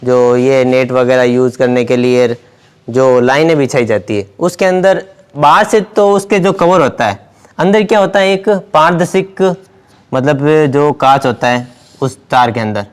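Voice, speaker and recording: A man's voice: mid-range voice, measured pace, smooth. A man teaching a science lesson, explaining step by step and repeating key words as he writes on the board. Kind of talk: blackboard lesson.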